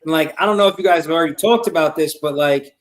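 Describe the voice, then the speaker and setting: Man from new york, higher voice, quick, conversational, sports panelist. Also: poor audio. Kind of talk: casual sports chat.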